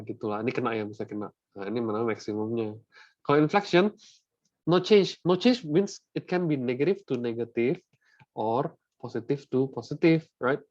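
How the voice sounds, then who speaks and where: A young Indonesian-accented man, his voice mid-range and a bit mellow, gives a relaxed, talkative maths lesson that mixes Indonesian with English. He keeps asking if his students are following along. The recording is echo-free, dull and dry.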